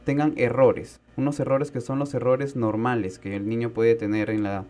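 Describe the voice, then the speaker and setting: A man's voice: mid-range voice, little pitch movement, moderate pace, darkish tone. A man, a speech therapy specialist, explaining speech disorders on a radio talk show, patiently and with spoken examples.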